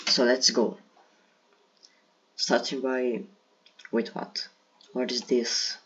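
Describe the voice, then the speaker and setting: Very slow and steady, his medium-pitched voice comes across a bit bright and husky. He's a gaming video creator from Brazil who speaks English as a second language with a Brazilian Portuguese accent, Portuguese being his first language, and he ranks game characters casually, hesitating with fillers as he thinks aloud. A dull lo-fi mic captures it.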